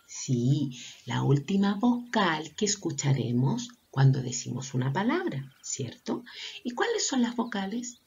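A woman teaches preschoolers their vowels, stretching words out slowly and warmly praising each answer. Her voice sits low and mellow with a slightly breathy edge, yet her pitch leaps widely in a sing-song way. The recording sounds dull and lo-fi. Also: big pitch swings. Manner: affectionate, encouraging, asks children questions. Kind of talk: slow, sing-song lesson for young children.

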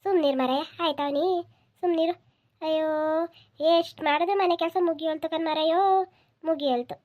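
A woman voicing a busy, sharp-tongued village housewife in a comedy cartoon, speaking in a scolding, sing-song way. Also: high-pitched, fairly even intonation, a little fast, highs cut off, lightly acted. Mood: complaining.

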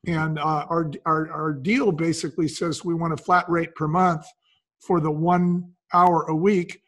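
With a fairly high, fairly bright voice that barely moves in pitch, an older man talks a little slowly in a podcast interview. He's a business advisor explaining things step by step in a conversational way, dropping colloquial asides.

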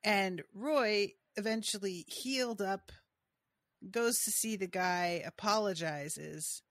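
Another co-host, a woman with a medium-pitched voice, talks slowly and casually through a TV episode recap, trailing off into side comments. There's no echo on the recording.

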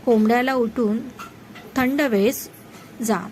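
A woman's voice: fairly high pitch, steady tone, slow pace, darkish tone, a little hiss or hum. A woman reading the lines of an old village woman who earnestly warns a traveller. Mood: warning. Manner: earnest, cautioning.

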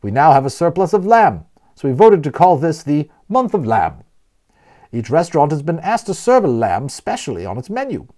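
A man voices a storybook guide, a genial, talkative fellow who explains things proudly and playfully. His slightly high, dark-toned voice is very animated at a moderate pace, emphatic and playfully wordy, with an informative, proud mood.

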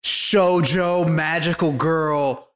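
A podcast co-host chatting casually, giggly and excitable, jumping in often. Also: mid-range voice, very slow, faint music behind. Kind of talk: casual chat.

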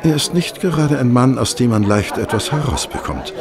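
An actor playing Stamford, an affable, chatty former hospital assistant doctor, in a radio play. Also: male voice, mid-range voice, lively intonation, normal speed, lightly acted. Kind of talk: German radio play acting. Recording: restaurant crowd murmur behind. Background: restaurant chatter.

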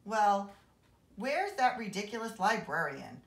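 Brief: woman reader as smarmy rich kid, fake-polite, lively. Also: medium pitch, unhurried, pitched above the performer's own voice. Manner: oily, falsely polite. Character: smarmy, sucking-up rich schoolboy. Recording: roomy echo.

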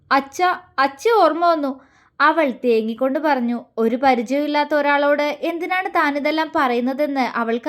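High-voiced woman narrating a romance. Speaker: storyteller. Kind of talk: scripted narration of a romance audio series.

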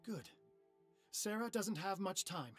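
An actor playing a bookish, self-assured male occult scholar in a dramatic video game, with a husky voice. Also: high voice, expressive, slow pace, soft background music, exaggerated voice.

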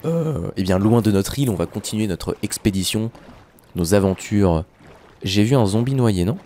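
A young man chatting excitedly to his viewers while commenting on his own gameplay. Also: on the low side, moderate pace. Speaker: gaming YouTuber. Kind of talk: Minecraft let's play commentary.

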